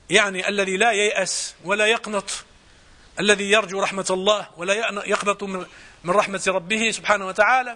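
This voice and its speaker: A man with a Moroccan accent teaching a Quran exegesis lesson, explaining point by point, repeating phrases and slowing into measured recitation when quoting verses. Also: sits high, pushed and bright.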